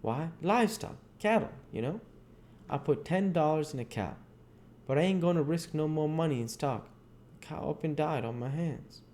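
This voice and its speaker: Man voicing Jim, earnest folksy man, pitched up. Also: expressive, moderate pace, a little mellow, natural voice. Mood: matter-of-fact. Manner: folksy, emphatic, dialect-heavy speech. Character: Jim, superstitious runaway man in old American South, earnest. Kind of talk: storybook character reading. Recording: audible background noise.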